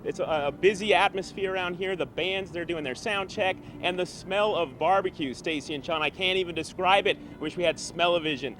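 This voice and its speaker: A man's voice: high voice, brisk, few pauses, background noise. A young man working as a TV news reporter, delivering live field reports and news packages in an upbeat, chatty, enthusiastic way.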